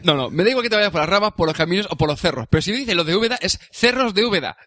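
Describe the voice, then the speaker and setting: A man, co-hosting a podcast, who talks very fast as his natural way of speaking. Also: high voice, animated, bright, forceful tone, dry recording. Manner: talks very fast, says it is just how he speaks. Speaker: podcast co-host. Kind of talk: casual podcast banter.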